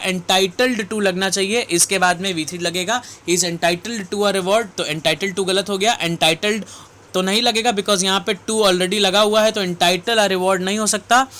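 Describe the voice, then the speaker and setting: A man's voice: high voice, bright, forceful tone. A male English teacher explaining exam-prep grammar to students, addressing them fondly and mixing Hindi with English.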